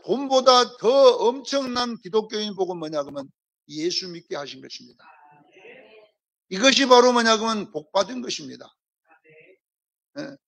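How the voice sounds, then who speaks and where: Man as pastor, preaching in an emphatic style that keeps prodding the congregation, high and gravelly delivery. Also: fairly bright tone. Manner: emphatic preaching, rhetorical questions, repeated prompting of the congregation. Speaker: senior pastor. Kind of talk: sermon. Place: church service.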